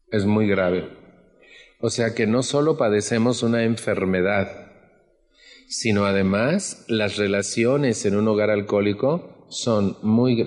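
A man's voice: on the low side, darkish tone, big-room sound. A middle-aged Mexican man with a Mexican Spanish accent gives an earnest personal testimony at a support group meeting, often putting questions to the audience.

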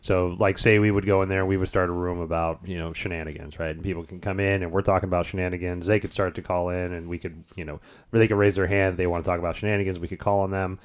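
Podcast co-host, man from Texas, very low voice, loose and rambling. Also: flat delivery, fast. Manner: rambling, lots of fillers. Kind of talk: casual podcast chat.

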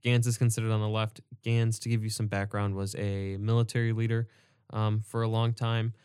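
A man's voice: on the low side, flat delivery, moderate pace, darkish tone, clear, resonant tone, no room sound, studio quality. A young man co-hosting a podcast who introduces topics in a casual, hesitant way with fillers. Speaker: podcast co-host. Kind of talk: casual political discussion.

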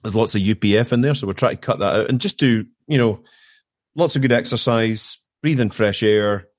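A middle-aged British man with a fairly low voice speaks a little fast in a dry, studio-quality recording. As an interview guest, he chats casually, telling stories with emphatic repeats and colloquial asides.

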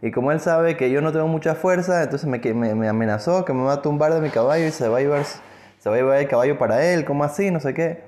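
A man's voice: medium pitch, steady tone, normal speed, a little hiss or hum, lightly acted. A man voicing a weak, poor old man who begs and then turns indignant while telling a parable. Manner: pleading, then indignant and loud.

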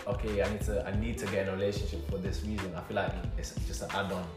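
A man's voice: deep voice, little pitch movement, racing. A young man with a London roadman accent in a casual chat with friends. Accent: London roadman (multicultural London English). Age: young adult. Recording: echoey room with music behind.

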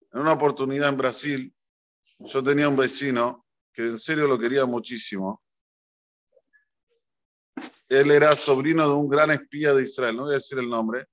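A man's voice: mid-range voice, fairly bright tone. Earnest man teaching Torah. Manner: earnest, instructive, with repeated phrases for emphasis. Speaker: rabbi teaching a class. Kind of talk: religious talk with storytelling. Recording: dull lo-fi recording.

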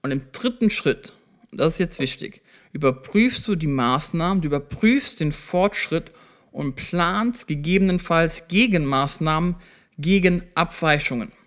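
A man with a higher voice hosts a solo self-improvement podcast, speaking straight to the listener in an animated but unhurried way. He walks through ideas step by step, conversational and with small restarts, in typical motivational podcast fashion.

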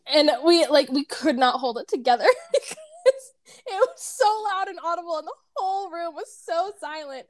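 Animated high-voiced young woman. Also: normal speed. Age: 20s. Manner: animated storyteller, laughs while talking. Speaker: podcast co-host. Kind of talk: casual podcast chat.

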